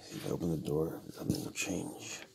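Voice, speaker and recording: A man's voice: extremely low pitch, flat delivery, fairly quick, gravelly, noisy background. A man vlogging at home while eating, rambling casually to pets and viewers between bites. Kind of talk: casual mukbang vlog. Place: home, indoors.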